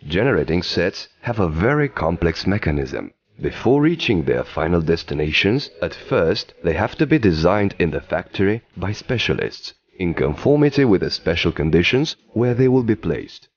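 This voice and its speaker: A man giving scripted documentary narration in an even, explanatory delivery, recorded as a studio voice-over. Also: low voice, moderate pace, hardly any pauses, muffled recording.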